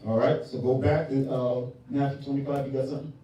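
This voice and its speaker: A man's voice: mid-range voice, little pitch movement, a little fast, dark tone, slight background noise. A man leading a Bible class, calling on a reader and explaining verses with emphatic questions to the room. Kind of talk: call-and-response Bible teaching. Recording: echoey room from far off.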